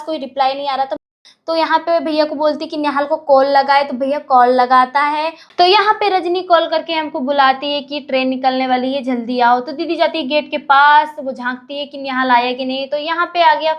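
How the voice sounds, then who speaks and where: A young woman narrating her travel vlog as a lively, chatty voice-over. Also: high voice. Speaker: vlogger.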